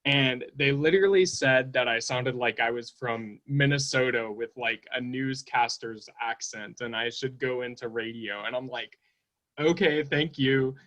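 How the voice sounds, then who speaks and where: A man's voice: medium pitch, fairly even intonation, normal speed, hardly any pauses, fairly bright tone. A young man from North Carolina in casual chat on a video call, telling chatty anecdotes. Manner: chatty, self-deprecating anecdotes.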